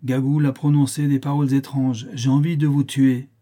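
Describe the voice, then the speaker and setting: A man's voice: medium pitch, flat delivery, normal speed, dark tone, voice pushed up, close to an everyday voice. A man playing a giant tyrant king who speaks bluntly and commandingly. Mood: menacing. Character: giant tyrant African king, suspicious and threatening.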